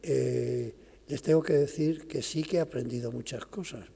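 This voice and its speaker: In a lecture hall with long reverb, an older academic addresses his audience at a normal pace and medium pitch. His tone is husky, gravelly, mellow, and dark, and he explains things patiently while breaking off to begin phrases anew.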